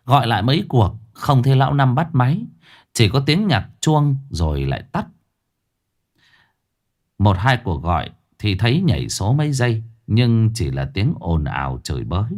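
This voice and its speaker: Expressive storyteller man. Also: mid-range voice, moderate pace. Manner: dramatic, expressive reading. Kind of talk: ghost story narration.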